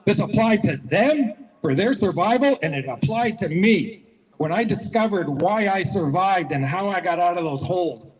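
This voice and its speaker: A man's voice: high voice, animated, normal speed, in a large hall, poor audio. A man giving a folksy, repetitive motivational speech to a crowd at an outdoor rally, telling stories as he goes. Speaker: rally speaker. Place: outdoor public square rally.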